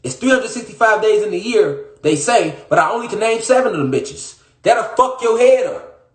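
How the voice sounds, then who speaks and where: A man's voice: high voice, expressive, normal speed. A man talking straight to his listeners in a casual monologue, emphatic and profane, repeating his points again and again. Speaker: social media commentator. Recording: echoey room.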